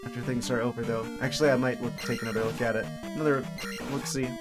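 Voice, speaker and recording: Male streamer, mid-pitched, casual off-the-cuff gameplay commentary with hesitant thinking aloud, game soundtrack audible behind. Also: steady tone, fast talker. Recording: video game music behind voice. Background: video game music.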